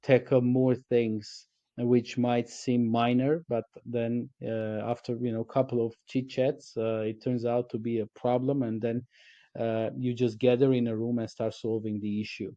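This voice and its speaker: A man from Armenia, a company CEO speaking as a guest in a relaxed, reflective interview, with frequent fillers. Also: mid-range voice, a little slow, no room sound, lo-fi sound. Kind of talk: casual interview conversation.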